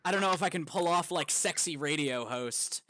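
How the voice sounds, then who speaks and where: A man's voice: a little high, normal speed, bright, forceful tone, no echo, clean studio sound. Chatty man hosting a live stream. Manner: playful, trails off into restarts and laughs. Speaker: livestream host. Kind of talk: casual chat.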